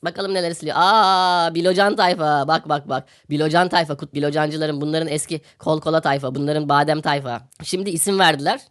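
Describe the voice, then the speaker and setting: A man rattles through the news at a brisk clip as a podcast host. His commentary is satirical and sarcastic, and he rants while circling back to the same phrases for comic effect. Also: on the high side, fairly even intonation, fairly bright tone, clear, resonant tone.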